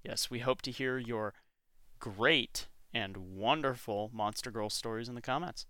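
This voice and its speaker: A man hosting a casual podcast, with a bright, clear voice in a dry, close room. He rambles and jokes, restarting his sentences often. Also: mid-range voice, a little slow, no room sound. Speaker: podcast host.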